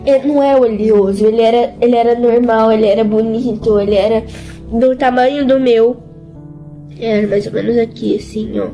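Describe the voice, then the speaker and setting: Woman, high voice, mellow tone, halting emotional testimony, faint music behind. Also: fairly even intonation, highs cut off. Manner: halting, repeats words, gestures while describing. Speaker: person recounting a vision.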